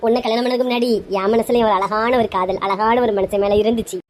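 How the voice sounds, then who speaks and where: A woman's voice: fairly high pitch, fairly even intonation, fast talker, slight background noise, close to an everyday voice. A woman playing a brash, melodramatic middle-aged mother in a comedy skit, bossy and scolding, with a Kanyakumari Tamil accent.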